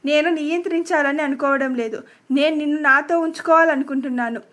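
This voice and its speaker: A woman's voice: high-pitched, a little fast, a bit bright. A possessive angry young husband, as a woman reads him. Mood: angry, pleading. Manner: commanding, threatening. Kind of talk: dramatic storybook reading.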